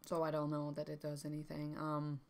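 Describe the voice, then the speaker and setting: A woman's voice: sits low, monotone, a little fast, vocal fry, a little mellow. A woman chatting casually while she and a partner learn a board game on stream, thinking aloud with fillers and laughs.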